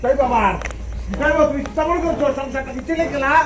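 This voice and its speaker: A man playing a hot-headed son, fast and shrill. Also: fairly even intonation, background noise. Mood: confronting. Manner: fast, heated, scolding. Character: indignant young son defending his mother. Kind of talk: comedy skit acting.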